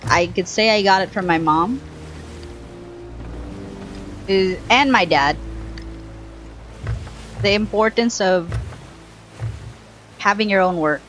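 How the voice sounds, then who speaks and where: A woman's voice: mid-range voice, slow, long pauses, fairly bright tone. Young woman streaming, chatty, faint music behind. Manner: chatty, thinking aloud in short bursts. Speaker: game streamer. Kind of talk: casual live gameplay commentary. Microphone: headset. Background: faint game music.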